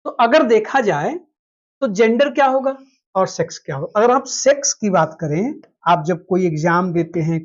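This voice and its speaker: A woman's voice: mid-range voice, darkish tone, dull audio. A woman teaching a classroom lecture, explaining step by step, repeating key terms and checking that students follow.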